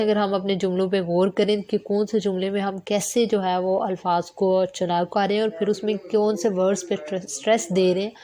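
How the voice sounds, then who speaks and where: Woman teaching a phonetics lecture. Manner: explains step by step, mixing English terms into Hindi-Urdu; draws out example sentences slowly to show pitch. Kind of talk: recorded video lecture.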